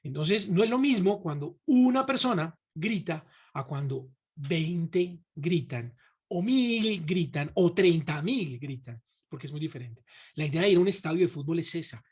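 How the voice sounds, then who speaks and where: Husky-voiced man hosting. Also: fairly high pitch, expressive, moderate pace, a little mellow. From Colombia. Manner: reflective, emphatic, poses probing questions. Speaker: host. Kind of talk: conversational podcast interview.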